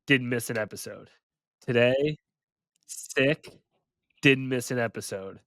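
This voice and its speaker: A man's voice: medium pitch, slow, fairly bright tone, dry recording. A man in his thirties with a stuffy head cold, co-hosting a sports podcast in casual, self-mocking chat with frequent laughs. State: sick with a head cold, nasal. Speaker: podcast co-host.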